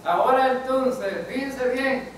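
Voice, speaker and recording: Slow high-voiced pastor, echoey. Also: male voice, slight background noise. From El Salvador. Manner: asks the congregation questions, repeating "¿verdad?". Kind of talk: Bible study sermon. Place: church. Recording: echoey church hall, mic at a distance.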